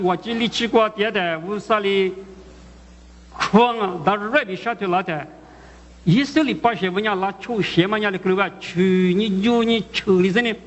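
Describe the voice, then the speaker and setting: A man preaching a sermon, talking haltingly, repeating words and putting questions to the listeners. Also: high voice, a bit bright. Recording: muffled audio with long hall echo.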